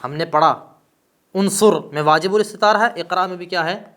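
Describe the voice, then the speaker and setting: Male teacher, a little high-pitched, lesson delivery, asks and answers his own questions. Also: a bit bright. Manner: stresses terms with rising pitch. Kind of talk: classroom grammar lesson.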